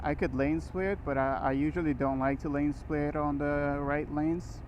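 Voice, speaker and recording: Riding a motorcycle through city traffic, a man who grew up in Brazil rambles casually to his vlog audience, with restarts and short laughs. His voice is on the high side, steady and darkish, at normal speed. The helmet mic makes the audio muffled, with road noise throughout.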